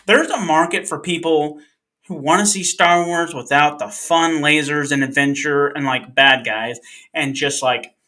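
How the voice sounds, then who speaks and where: A man's voice: a little high, fairly even intonation, unhurried, sharp tone. A man from Oklahoma hosting a casual podcast, easygoing and joking. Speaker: podcast host.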